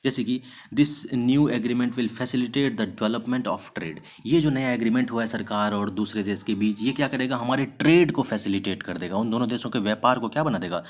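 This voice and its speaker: A man teaching English vocabulary in Hindi, mixing in English words. He keeps asking rhetorical questions and answering them himself, and slows down to spell out and stress example sentences. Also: medium pitch. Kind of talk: classroom-style vocabulary lesson.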